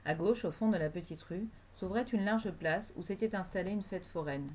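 A woman's voice: lowish voice, normal speed, a little hiss or hum. Woman narrating a thriller audiobook. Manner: steady literary reading. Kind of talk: scripted narration.

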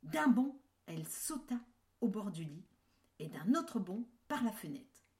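A woman telling a children's fairy tale aloud, unhurried and carefully paced. Her intonation swoops and rises with lively expression. It is the warm manner of a bedtime storyteller. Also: mid-range voice.

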